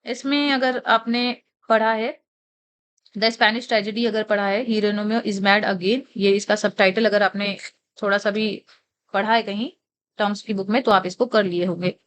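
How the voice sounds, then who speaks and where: A young woman with an Indian English accent, explaining exam answers step by step and reading the English questions out slowly. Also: medium pitch, clear, resonant tone. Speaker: teacher. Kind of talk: exam answer walkthrough lecture.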